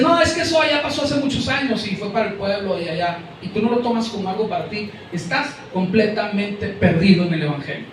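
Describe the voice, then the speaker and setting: High-voiced pastor in an echoey church. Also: male voice, fairly bright tone, slight background noise. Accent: Mexican Spanish. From Mexico. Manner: addresses the congregation directly, calling out names; repeats words while searching for them. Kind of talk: sermon. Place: church hall. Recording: very echoey room, voice from far off.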